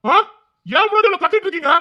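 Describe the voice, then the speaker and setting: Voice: extremely high pitch, expressive, highs cut off. A performer playing a blunt young husband, a police officer who argues with his mother in a family drama skit. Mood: arguing. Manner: blunt, rapid, scolding.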